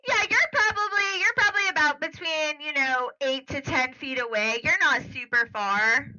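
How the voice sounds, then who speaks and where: A woman's voice: high voice, normal speed, bright, forceful tone, muffled recording. A woman acting as game master, narrating a tabletop game in a casual, rambling way. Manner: casual, rambling with filler words.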